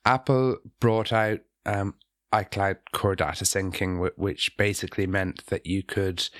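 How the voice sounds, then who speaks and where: A man's voice: fairly low pitch, fairly bright tone, no echo, studio quality. A man co-hosting a casual tech podcast about app development, talking in a hesitant way with many ums and restarts.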